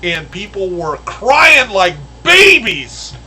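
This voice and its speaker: A man in his fifties telling animated, casual war-story anecdotes, full of restarts and loud acted quotes. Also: high voice, slow pace, husky, rough recording. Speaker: guest recalling military basic training.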